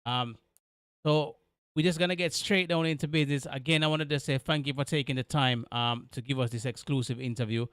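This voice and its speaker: A man's voice: mid-range voice, steady tone, brisk, a bit bright, no echo. A man hosting a live radio interview, friendly and chatty, with many fillers and repeated thanks. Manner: friendly, repeats himself, lots of fillers and big-ups. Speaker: radio show host.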